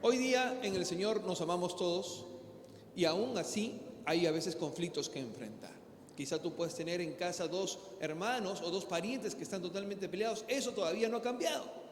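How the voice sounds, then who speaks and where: A man's voice: sits high, lively intonation, moderate pace, a little hiss or hum. A man with a Peruvian Spanish accent preaching a sermon as pastor, talking conversationally and acting out little dialogues. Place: church hall. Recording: echoey hall with faint ambience.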